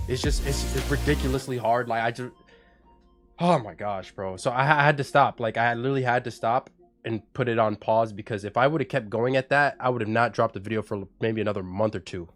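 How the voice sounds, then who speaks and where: A man's voice: medium pitch, a little fast, faint music behind. A man with a stuffy, congested voice, chatting casually on a live game stream, thanking viewers and rambling with lots of restarts. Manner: thanks viewers by name for subscriptions. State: congested from a cold.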